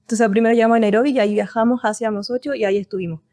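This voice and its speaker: A woman's voice: fairly high pitch, fairly even intonation, racing, a little mellow, no room sound, studio quality. A woman in her twenties with a Chilean accent, telling her story casually as a podcast guest. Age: 20s. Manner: storytelling with restarts.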